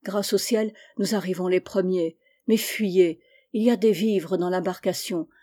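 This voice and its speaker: An urgent, stern army captain, read by a woman in an audiobook, pressing and pleading. The tone stays mellow and dark. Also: lowish voice, fairly even intonation, measured pace.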